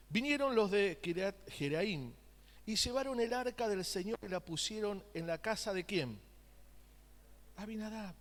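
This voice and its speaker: Pastor guy preaching, pretty high voice, asks the crowd stuff, big echoey church. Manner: preaching with call-and-response questions to the congregation; joking, conversational asides. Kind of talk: sermon. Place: church sanctuary.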